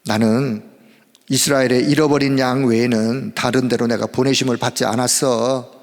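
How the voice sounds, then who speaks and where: A preacher voicing a solemn, gentle Jesus. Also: male voice, mid-range voice, steady tone, normal speed, big-room sound, pitched below the performer's own voice, natural voice.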